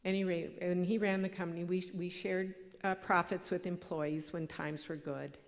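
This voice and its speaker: Low-voiced woman giving a speech. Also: steady tone. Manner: measured, earnest, read from notes. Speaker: award recipient. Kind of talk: formal acceptance speech. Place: large banquet hall stage. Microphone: podium microphone. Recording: long hall reverb.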